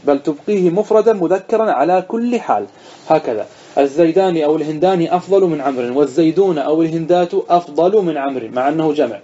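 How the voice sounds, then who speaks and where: Sheikh teaching grammar, quizzing students. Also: male voice, on the high side, dark tone, husky, muffled recording. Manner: reads the text aloud then explains, quizzing students who answer. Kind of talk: classroom lesson reading and explaining a text.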